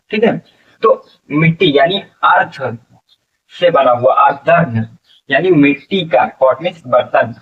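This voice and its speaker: A man's voice: on the high side, slightly rough, far from the mic. Guy teaching english words, repeats stuff, asks then answers himself, tinny phone-ish sound from across the room. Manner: explains slowly, repeats words, asks and answers his own questions. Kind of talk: classroom vocabulary lesson.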